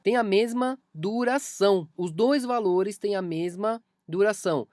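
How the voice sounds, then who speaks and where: A woman's voice: mid-range voice, unhurried, a little mellow, no echo, clean studio sound. A woman with a Brazilian accent teaching music theory in a video lesson, patiently repeating key points as she explains.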